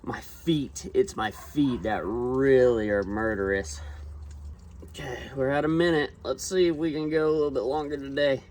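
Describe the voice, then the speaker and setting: A man's voice: medium pitch, moderate pace, darkish tone, a little hiss or hum. A man vlogging casually from an ice bath outdoors, his voice gasping and strained from the freezing cold water. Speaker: vlogger documenting a challenge. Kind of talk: casual self-filmed vlog.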